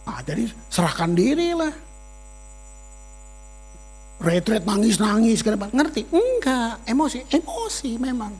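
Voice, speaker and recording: A middle-aged male pastor from Ambon with a husky, breathy voice, preaching through personal stories. He talks loosely, mixing casual slang into the sermon and playing out the voices of people he quotes. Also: very high-pitched, a little slow, pauses often, faint music behind. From Ambon, Indonesia. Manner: lively storyteller, mixes casual slang and acts out quoted voices.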